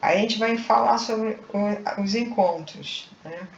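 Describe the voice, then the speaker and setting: Slow-speaking woman teacher, echoey. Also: medium pitch, vocal fry, a little hiss or hum. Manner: patient, explaining slowly with frequent tag questions. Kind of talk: recorded online grammar lesson. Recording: echoey room, dull lo-fi sound.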